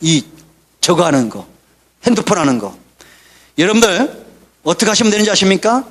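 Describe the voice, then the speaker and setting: A middle-aged man preaching a sermon as pastor, lively and joking with the congregation. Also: high voice, normal speed. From Korea.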